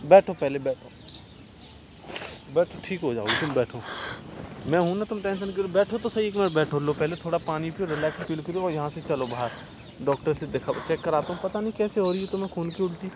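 A man with a high voice talks in a worried, insistent way in a home video. Loud background noise runs under the whole recording. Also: expressive, a little fast. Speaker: prank target. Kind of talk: casual home video talk.

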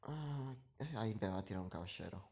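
A man's voice: on the low side, expressive, a little fast, vocal fry, darkish tone. A man giving live commentary over his own gameplay, muttering asides and repeating short phrases as the action swings. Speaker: gaming streamer.

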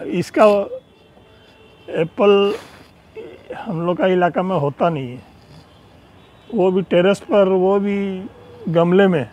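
In a low-quality handheld phone video shot outdoors, a man with a high-pitched, darkish voice casually shows off his rooftop terrace garden. He's chatty, pointing things out as he narrates the walkthrough.

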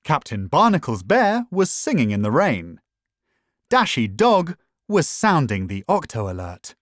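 A reader narrating a children's picture book aloud in a gentle storytelling way. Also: medium pitch, huge pitch swings, dry recording, studio quality. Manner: slow, lilting storytelling.

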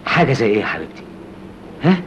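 A rapid, bantering Egyptian husband. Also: male voice, on the low side, very animated, fairly bright tone, a little hiss or hum. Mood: brusque. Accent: Egyptian Arabic. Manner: quick and bantering. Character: joking, bossy but loving young husband. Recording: dull lo-fi old film soundtrack.

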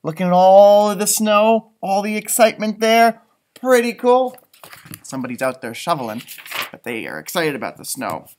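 A very animated American man, a teacher reading storybooks to elementary schoolers, tells a children's story aloud with chatty asides in a room full of bookshelves. He has a high voice at normal speed, and his playful, theatrical, expressive style swings suddenly between loud and hushed.

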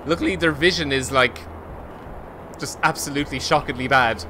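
A man's voice: mid-range voice, normal speed, background noise. A man in his thirties with an Irish accent, giving casual, sardonic, sweary live game commentary. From Ireland. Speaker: game streamer. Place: indoor room, streaming setup.

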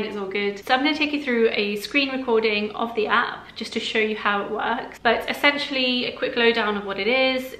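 A young woman from the UK chatting casually to camera as a personal finance vlogger, relaxed and full of fillers like um and like. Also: mid-range voice. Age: young adult. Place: living room of a flat, indoors. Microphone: camera in front of her at desk distance. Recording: roomy indoor sound.

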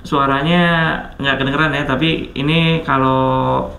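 A man's voice: medium pitch, little pitch movement, unhurried, gravelly, sharp tone. A man giving a casual product review, chatty and addressing viewers often. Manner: chatty, says "guys" a lot. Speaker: tech reviewer.

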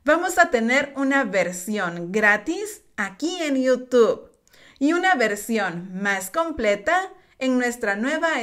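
Woman language teacher, slow, lively, fairly high voice, drills words for repetition. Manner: drills words slowly for learners to repeat. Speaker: English teacher. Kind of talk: slow, clear language lesson.

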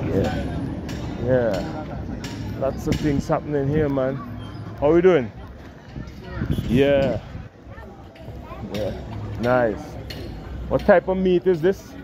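A slow-talking Caribbean travel vlogger with a mid-range voice narrates casually as he walks through a busy outdoor village market. He's easygoing and greets passersby warmly, filming himself on a selfie camera held at arm's length, with street noise audible behind him.

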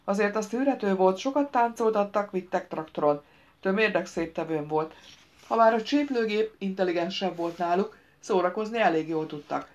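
A woman's voice: mid-range voice, lo-fi sound, lightly acted. A woman voicing an arrogant, crude young bride-to-be in an audiobook, talking in a sassy, scornful, slangy way. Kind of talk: audiobook character reading.

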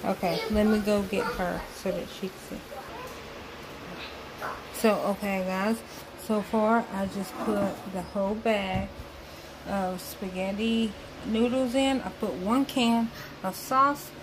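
A woman's voice: medium pitch, fairly even intonation, takes it slowly. A Southern woman casually talking viewers through cooking dinner in her home kitchen, explaining each step as she goes. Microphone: handheld phone camera. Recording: noisy kitchen phone recording.

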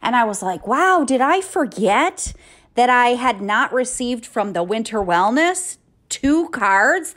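A middle-aged woman vlogging her drugstore shopping trip, chatting through prices and coupon deals step by step as she walks the aisles with a handheld phone. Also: a little high. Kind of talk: casual shopping vlog narration. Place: inside a drugstore, walking the aisles.

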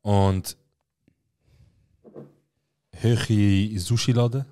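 A man co-hosting a casual podcast, telling relaxed, slangy stories with quoted exchanges. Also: on the low side, drawn-out words. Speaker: podcast co-host. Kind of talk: casual chat, storytelling.

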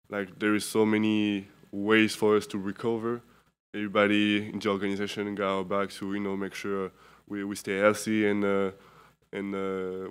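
A tired young man from Europe speaks into a table microphone in an indoor press room. His voice is lowish, clean and resonant, and it stays fairly level in pitch. He talks haltingly, with lots of fillers and restarts. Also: smooth. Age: 20s. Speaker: basketball player. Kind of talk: postgame press conference answers.

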